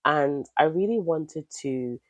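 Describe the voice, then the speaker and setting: On her solo podcast, a thirtysomething host talks in a chatty, candid, upbeat manner, her voice nasal from a cold. She has a low, animated voice and takes things slowly; the audio has no echo but its highs are cut off.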